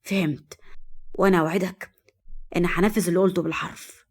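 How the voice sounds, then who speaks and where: A woman's voice: fairly low pitch, steady tone, quick pace, slightly rough. A woman voicing a frightened male doctor with an Egyptian accent, meek and compliant.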